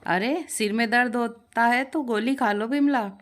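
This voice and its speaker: Woman playing a gentle older father-in-law. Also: fairly high pitch, a little slow, voice pushed up, close to an everyday voice. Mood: kindly. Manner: warm, reassuring.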